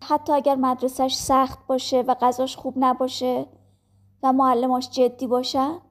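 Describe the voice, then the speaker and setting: Solemn orphan child, voiced by a woman narrator, quiet and hesitant. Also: high voice, little pitch movement, close to an everyday voice. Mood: earnest. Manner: soft, hesitant replies. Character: young orphan girl, quiet and serious.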